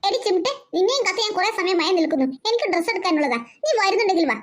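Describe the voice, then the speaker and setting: A woman's voice: extremely high pitch, animated, racing, a little hiss or hum. A woman voicing a bossy, teasing older sister in a cartoon. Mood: snappy. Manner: snappy, teasing. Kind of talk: cartoon voice acting.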